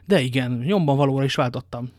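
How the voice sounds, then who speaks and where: A man's voice: mid-range voice, darkish tone, dry recording, studio quality, natural voice. A man reading an audiobook and voicing Athos, a worldly, ironic musketeer, with a languid manner of telling his tale. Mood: wry.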